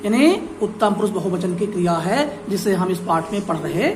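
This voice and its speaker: A woman's voice: medium pitch, expressive, moderate pace, noisy background. A woman teaching a Sanskrit lesson to a classroom, repeating each word, translating it and quizzing the students.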